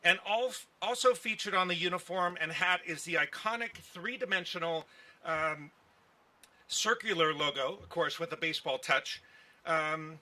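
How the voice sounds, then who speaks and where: Bright-voiced older man at press conference. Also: a little high, moderate pace. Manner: folksy storytelling with many fillers. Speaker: baseball team executive. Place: outdoor park event. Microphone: podium microphone on stand.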